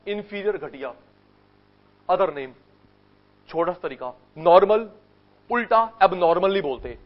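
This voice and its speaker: A man with an Indian accent teaching economics in a classroom, drilling terms by repetition and pushing students to answer quickly. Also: high voice, muffled recording. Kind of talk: classroom lecture with call-and-response drills.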